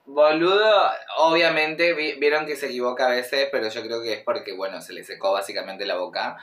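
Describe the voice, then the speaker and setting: A man's voice: mid-range voice, a little fast, a bit bright, echoey room, far from the mic. A man giving casual reaction commentary on a comedy routine, chatty and gushing.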